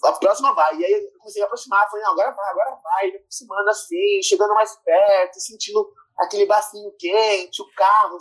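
Husky-voiced young Brazilian man, animated storyteller, self-deprecating. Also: high-pitched, rough recording. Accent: Brazilian Portuguese. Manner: animated, self-mocking, swears freely. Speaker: guest storyteller. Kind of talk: casual podcast anecdote.

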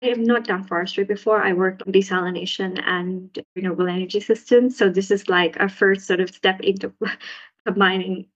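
A woman's voice: fairly even intonation, a little fast. A young woman from Sri Lanka, a postdoc researcher, answering interview questions casually with many restarts and fillers. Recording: muffled low-fidelity audio.

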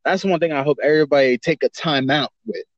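Slangy, animated man co-hosting a podcast. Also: fairly high pitch, quick pace, no echo, dull audio. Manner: loose, slangy, animated banter. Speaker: podcast co-host. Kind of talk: casual chat.

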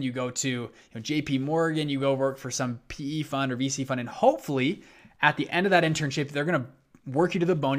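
A man in his twenties hosting a podcast in casual solo talk, energetic and upbeat, often tagging his points with "right?". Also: mid-range voice. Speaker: podcast host.

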